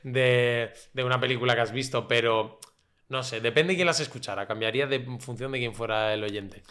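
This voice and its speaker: A man with a Spain Spanish accent, a podcast guest chatting casually, relaxed and swearing freely. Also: mid-range voice, fairly quick. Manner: relaxed and chatty, swears freely, quotes others in lively voices. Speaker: podcast guest, food creator. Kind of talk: casual chat.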